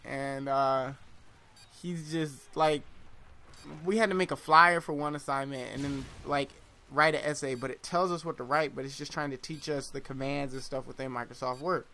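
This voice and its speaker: A young man telling a story in a casual, rambling way, animated with lots of fillers and laughing often. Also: medium pitch, moderate pace, a little hiss or hum. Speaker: vlogger.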